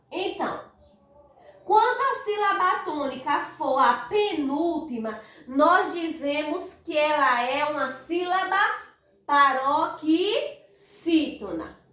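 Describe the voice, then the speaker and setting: A Brazilian woman teaches a children's grammar lesson, her voice high and her pace unhurried. She stretches the stressed syllables out in sing-song calls. She sounds distant from the mic in a strongly echoing room. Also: a bit bright. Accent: Brazilian Portuguese. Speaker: primary school teacher. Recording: echoey room, voice far from the mic.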